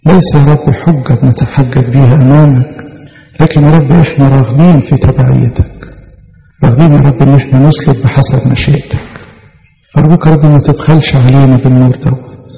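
A man with an Egyptian Arabic accent leads a fervent, extemporaneous prayer in a church, pleading earnestly and repeating his appeals to God. His voice is medium-pitched, gravelly, and mellow, with fairly even intonation and a fast delivery. A long hall reverb and dull lo-fi quality color the recording.

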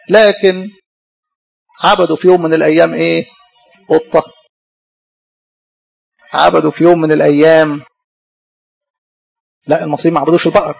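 A man's voice: fairly high pitch, gravelly, breathy edge. A man with an Egyptian Arabic accent preaching a sermon. He keeps asking the congregation questions and then answers them himself. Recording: dull lo-fi recording.

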